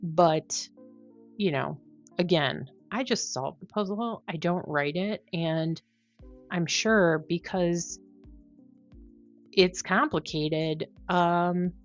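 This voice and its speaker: A woman thinking out loud in casual commentary on a puzzle, musing and questioning herself as she explains. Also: on the low side, takes it slowly, pauses often, dull audio, faint music behind. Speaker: host of a crossword solving video.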